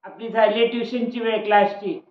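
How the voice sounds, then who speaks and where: An older woman voicing a calm, wise father who kindly reasons with his young son. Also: a little high, normal speed, slight background noise, voice pushed up, close to an everyday voice. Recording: roomy, dull lo-fi recording.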